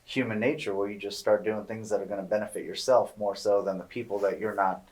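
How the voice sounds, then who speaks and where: A man co-hosting a podcast, talking in a relaxed, rambling, opinionated way and swearing now and then. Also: fairly low pitch, fast. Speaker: podcast co-host. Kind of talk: casual podcast chat.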